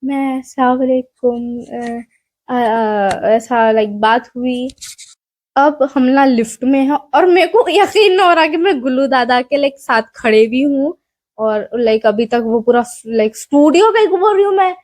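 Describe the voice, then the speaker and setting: Young woman, Hyderabadi accent, high voice, chatty vlog storytelling, lots of fillers, mic in a small room. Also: a little slow, darkish tone. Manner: chatty, rambling, self-deprecating, many fillers. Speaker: vlogger.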